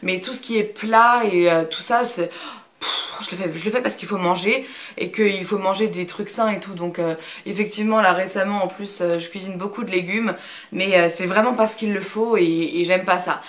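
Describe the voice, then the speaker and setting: Reserved woman in her thirties, plain middle voice, frank but halting, casual video talk. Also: medium pitch, fairly even intonation. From Brittany, France. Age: 30s. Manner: hesitant, many fillers and restarts. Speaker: YouTuber. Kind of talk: casual talk to camera, answering a question tag.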